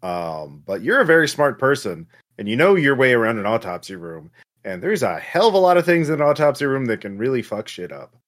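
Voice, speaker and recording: Running a tabletop session, this game master improvises his narration casually, in a halting way with long pauses. He speaks in a mid-range, sing-song voice that is a bit bright.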